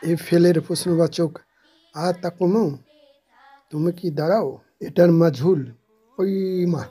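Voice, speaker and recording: A man's voice: a little high, mellow, slightly rough. A man teaching grammar step by step, reciting each word form in short phrases and then explaining its meaning.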